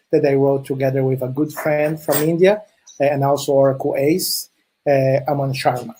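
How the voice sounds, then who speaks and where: A middle-aged man from Chile, whose first language is Portuguese, gives a friendly conference presentation with a Brazilian Portuguese accent, using many filler sounds and restarts. His medium-pitched voice is warm, and the low-quality recording has a little hiss or hum.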